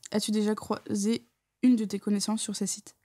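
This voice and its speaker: A woman's voice: medium pitch, level tone, normal speed, dark tone. A woman co-hosting a challenge video, talking in casual, playful banter and teasing her partner.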